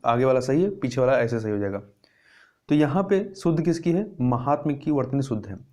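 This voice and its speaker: A man's voice: medium pitch, animated, fairly quick, dark tone. A male teacher working through exam questions. He explains step by step, repeats the answers and asks and answers his own questions. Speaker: Hindi teacher. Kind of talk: exam prep lesson.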